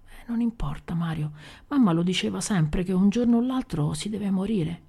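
A woman voicing a seven-year-old girl who soothes her brother in a soft whisper in a storybook reading. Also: medium pitch, normal speed, gravelly, husky. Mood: soft soothing.

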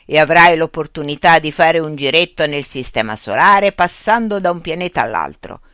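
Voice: mid-range voice, lively intonation, normal speed, fairly bright tone, smooth, no room sound, studio quality, natural voice. A reader voicing a boastful old Santa Claus, coaxing and grand, in an audiobook reading.

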